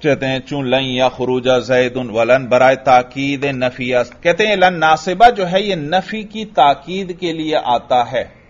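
A man leads a grammar lesson at a slow, deliberate pace. He repeats key phrases and keeps checking the class with questions. The recording is dull and muffled. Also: mid-range voice. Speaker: teacher of Arabic grammar.

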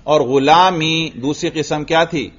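A man teaching an Arabic grammar lesson, asking his students questions, answering them himself, and drawing out the example words slowly. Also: fairly high pitch, fairly even intonation. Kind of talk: classroom lesson. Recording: dull lo-fi recording.

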